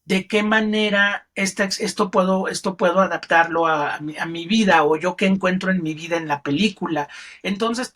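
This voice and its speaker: A middle-aged man with a Mexican accent, a film critic talking as a guest in a podcast interview and telling stories expressively. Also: high voice. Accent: Mexican Spanish. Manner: expressive storyteller who acts out quotes in other voices.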